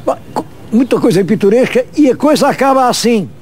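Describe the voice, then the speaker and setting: A man's voice: extremely high pitch, lively intonation, fairly quick, a little mellow, slight background noise. A man with a European Portuguese accent, a history presenter who tells a local story vividly and speaks directly to his viewers. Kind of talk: storytelling to camera on location.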